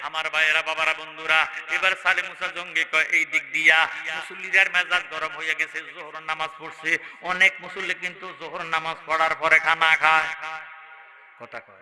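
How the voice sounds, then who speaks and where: Chanting high-voiced male preacher with reverb. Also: level tone, normal speed. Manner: sing-song chanting cadence with loud calls to the crowd. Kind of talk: chanted Islamic sermon storytelling. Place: religious gathering over a public address system.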